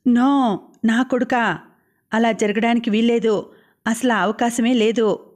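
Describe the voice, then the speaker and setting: A woman's voice: fairly high pitch, steady tone, measured pace, darkish tone, close to an everyday voice. A woman voicing a troubled young husband who pleads with his father in an anguished way. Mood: distressed.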